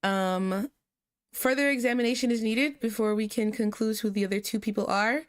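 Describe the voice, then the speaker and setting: A woman streamer playing the judge in a mock trial, talking in a loose, rambling way. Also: mid-range voice. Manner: slow, rambling, breaks into laughter. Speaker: stream host acting as judge. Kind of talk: mock trial role-play on a livestream.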